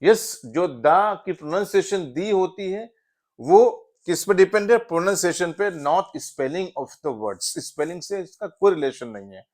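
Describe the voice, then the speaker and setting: Man, slightly high voice, grammar lesson, Hindi-English mix, spells words out, asks and answers himself. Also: expressive, normal speed, darkish tone. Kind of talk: classroom-style grammar lesson.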